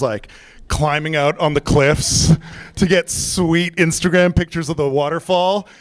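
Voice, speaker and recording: A man telling a funny personal story on stage in a casual, animated way, laughing now and then and acting out the people in it. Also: mid-range voice, no echo. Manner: animated, laughs while telling, acts out quoted voices.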